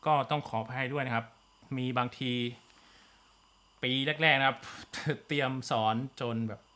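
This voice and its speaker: A man's voice: medium pitch, fairly even intonation, a little slow, pushed and bright. A man with a Thai accent teaching an online physics class, full of fillers and polite particles. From Thailand. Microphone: computer mic in video class.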